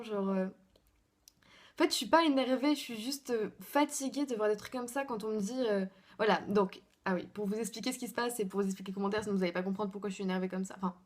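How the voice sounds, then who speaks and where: A woman's voice: mid-range voice, darkish tone. A young woman vlogging casually into her phone, chatty and rambling with lots of fillers. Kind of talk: casual vlog chat. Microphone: phone camera.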